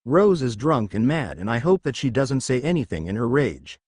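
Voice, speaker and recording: A man's voice: mid-range voice, very animated, normal speed, a little mellow, breathy edge, no echo, clean studio sound. A man reading a dramatic first-person story aloud with an intense delivery. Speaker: narrator.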